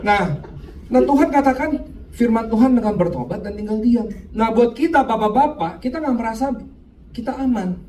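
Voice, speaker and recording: A man's voice: very high voice, lively intonation, normal speed, warm tone. A man giving a sermon with a personal testimony at a men's fellowship. He talks animatedly and keeps addressing his listeners directly. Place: church men's meeting room. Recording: echoey room, far from mic, light noise.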